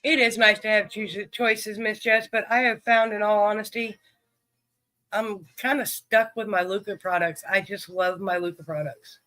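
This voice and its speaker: A man's voice: high voice, steady tone, moderate pace, bright, forceful tone. A man hosting a livestream in casual chat, greeting viewers by name. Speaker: livestream host.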